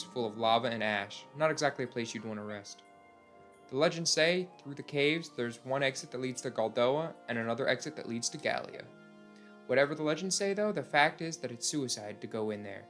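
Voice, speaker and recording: A man's voice: medium pitch, a bit bright, lightly acted. A man voicing an earnest, decisive young mercenary commander, plain-spoken and resolute, from a game script.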